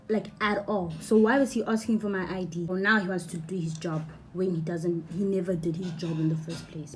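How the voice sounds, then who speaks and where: A young woman vlogger telling a rambling, animated storytime and repeating herself. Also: mid-range voice. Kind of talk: storytime vlog.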